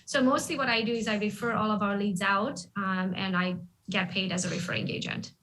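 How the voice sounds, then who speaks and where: A woman from Romania, a guest in an interview, telling her story in a candid, lively way and often checking in with "right?". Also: medium pitch, a little fast, rough recording. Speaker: guest, real estate agent. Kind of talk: casual interview talk.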